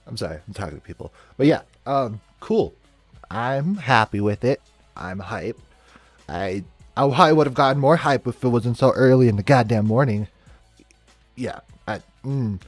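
Excitable young man reacting to a trailer. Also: mid-range voice, moderate pace, dry recording, faint music behind. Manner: excitable, swings from mumbling to loud outbursts. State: cold and shivering, early morning. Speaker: reaction streamer. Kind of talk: casual reaction commentary.

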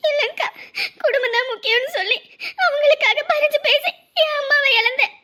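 A woman's voice: extremely high pitch, a little fast, pushed and bright. A woman voicing a grieving young wife who pleads through tears in a cartoon drama. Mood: weeping. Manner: sobbing, pleading.

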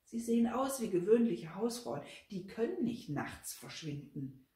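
A woman's voice: mid-range voice, big pitch swings, unhurried, dark tone. A woman voicing a stern, superstitious old head maid who talks in a scolding, preachy way. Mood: ominous. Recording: roomy, from a distance.

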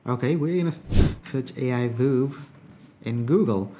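A man giving a relaxed, conversational software tutorial, talking through each step with frequent filler words. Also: mid-range voice, moderate pace, background noise. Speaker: software reviewer. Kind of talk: casual screen-recorded tutorial.

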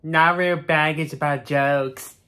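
A man voicing a boastful, nerdy young cartoon raccoon who shows off with drawn-out words. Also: a little high, steady tone, pushed and bright.

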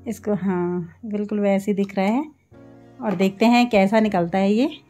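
A woman vlogs at home in her living room on a handheld phone camera, chatting casually and repetitively about family life. Her mid-range voice is mellow and steady at a normal speed, sounding reverberant, with background music playing.

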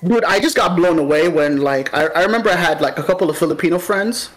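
A man's voice: on the high side, fast talker, poor audio. A man chatting casually on a stream, hesitant and rambling, with frequent giggles. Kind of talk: casual chat.

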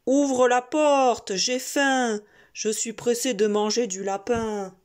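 A woman's voice: on the high side, steady tone, slow pace, a little mellow. Woman putting on a howling, hungry big bad wolf for toddlers. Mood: hungry, menacing. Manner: growling, howling, menacing. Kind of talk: storybook reading to a toddler.

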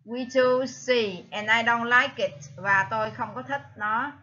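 Slow, bright-voiced woman teacher. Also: on the high side, highs cut off. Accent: Vietnamese. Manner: slow, deliberate, reads each answer word aloud. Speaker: English teacher. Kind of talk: exam review lesson.

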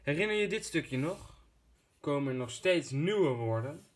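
A man narrating a scripted video as its host, in a deadpan, playful manner. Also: fairly high pitch, unhurried.

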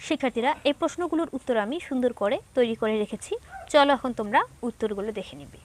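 A woman's voice: a little high, lively intonation, fast talker. A woman from Bangladesh teaching an online school lesson, reading each question aloud and then patiently dictating the answer step by step. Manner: patient, explains step by step to pupils.

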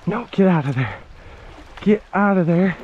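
This fishing vlogger, a young man with a high voice, talks at a measured pace through narrow, tinny audio from an action camera at chest or arm's length. Fly fishing a winter creek, he gets excited and breathless landing a fish, with faint stream noise behind him.

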